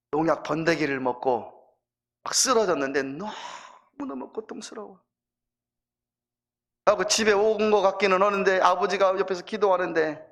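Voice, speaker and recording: A man's voice: on the high side, a bit bright. A male pastor preaching in a church, telling a story animatedly and addressing the congregation directly. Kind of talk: sermon storytelling.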